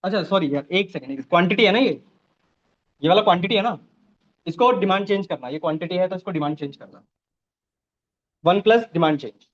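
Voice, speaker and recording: A man with a high voice teaches a live online class, often pausing to check on his students. The recording sounds dull and lo-fi.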